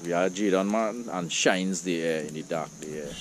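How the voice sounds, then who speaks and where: Narrating a nighttime outdoor cookout vlog to the camera, this Trinidadian man is easygoing and chatty and laughs often. His voice is deep, his pace measured, and the background is noisy.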